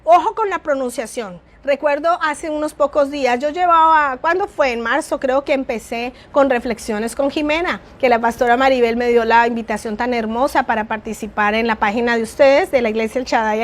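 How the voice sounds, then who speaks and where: A middle-aged woman with a naturally soft voice, teaching an online church class and shifting her tone and volume for emphasis. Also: high voice. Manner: varies tone and volume for emphasis, addresses listener as "mi amado".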